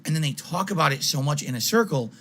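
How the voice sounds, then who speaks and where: Bright-voiced man in an unhinged rant. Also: on the high side, expressive, quick pace, slight background noise. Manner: wild, unhinged ranting, exasperated and confrontational; swears, emphatic and repetitive. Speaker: video game live streamer. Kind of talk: angry rant on a live stream.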